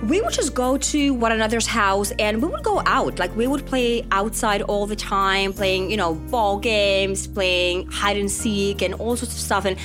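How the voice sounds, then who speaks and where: A woman's voice: mid-range voice, animated, unhurried, hardly any pauses, over music. A woman from Finland, talking as a podcast guest in a chatty, easygoing way, often adding "right?" and "you know". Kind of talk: conversational interview.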